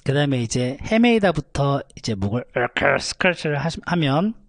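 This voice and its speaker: A man teaching a vocal lesson, calmly explaining technique between high belted demonstrations. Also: a little fast, no room sound. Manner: explains calmly, then belts high shouted notes. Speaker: vocal coach.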